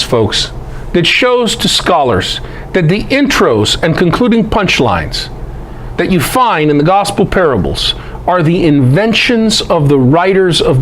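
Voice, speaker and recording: Lecturing emphatically on scripture, this Bible teacher and presenter has a slightly high, fairly bright voice. His animated, conversational delivery on scripture scholarship mixes rhetorical questions with folksy asides, over a little hiss or hum.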